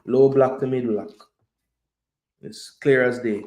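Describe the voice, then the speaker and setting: A man's voice: mid-range voice, fairly even intonation, slow, darkish tone. A man hosting a live football analysis stream, talking with passion and driving his points home by repeating them. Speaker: host of a live football show. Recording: echoey room.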